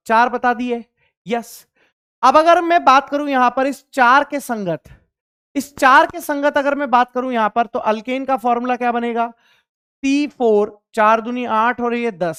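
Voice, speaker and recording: A chemistry teacher lecturing to students. He repeats every point, asks the class questions and answers them himself, and reads formulas out slowly. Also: very high voice, fairly bright tone, smooth. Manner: speaks for the student too, addressing himself as sir; slow, deliberate reading of formulas.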